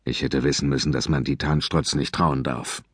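Man doing a deep growling father giant. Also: fairly even intonation, normal speed, fairly bright tone, husky, dry recording, studio quality, exaggerated voice. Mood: grumbling. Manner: growling, heavy and low. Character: gruff grumbling father giant, middle-aged.

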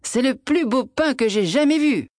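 A woman's voice: sits high, expressive, moderate pace, darkish tone, no room sound, clean studio sound, voice pushed up. A woman voicing a greedy, scolding old peasant wife who shrilly demands more. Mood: pleased.

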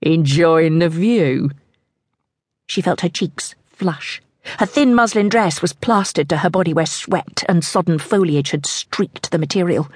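A woman narrating an audiobook in a tense, measured storytelling manner. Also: lowish voice, husky, dry recording, studio quality.

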